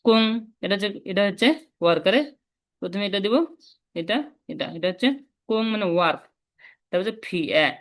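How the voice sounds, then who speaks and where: Woman teaching, slow careful repetition. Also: medium pitch. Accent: Bangladeshi Bengali. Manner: repeats syllables slowly, step-by-step explaining. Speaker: Chinese language teacher. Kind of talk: casual spoken lesson.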